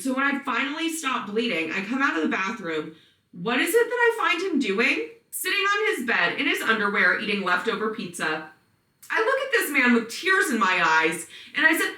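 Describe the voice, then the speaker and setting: A woman's voice: on the high side, sharp tone, distant mic. A woman hosting a podcast, reading listener stories aloud in casual story-time style, blunt and profane with chatty asides. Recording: roomy sound, voice set back from mic.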